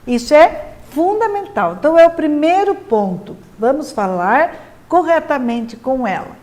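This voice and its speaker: A woman with a Brazilian Portuguese accent giving a patient, clear lesson to parents on helping children speak correctly. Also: sits high, sing-song, a little mellow. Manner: patient, explanatory, models words slowly and clearly. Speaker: literacy teacher advising parents. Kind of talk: instructional talk to parents.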